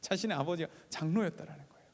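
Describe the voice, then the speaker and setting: A man preaches in a church with a high, gravelly voice, moving from hushed asides to raised appeals. The sound carries a long hall reverb. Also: rapid-fire. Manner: storytelling, swings between quiet asides and raised appeals. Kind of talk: sermon with personal story.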